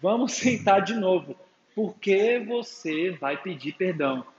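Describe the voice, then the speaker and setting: Man, preacher, sermon, high-pitched, echoey hall, faint background hum. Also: animated, measured pace, a little mellow, highs cut off. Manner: calls out to the congregation with frequent amens; acts out dialogues with his daughter. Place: church hall with an audience.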